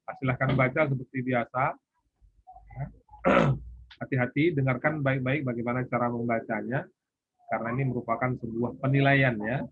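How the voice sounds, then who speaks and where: A man's voice: medium pitch, fairly even intonation, moderate pace, long pauses, dry recording. A man giving a recorded online lecture, asking questions and answering them himself as he sets assignments. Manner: asks and answers his own questions. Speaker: university lecturer. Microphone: recorded for a YouTube class. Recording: tinny phone-like sound, husky.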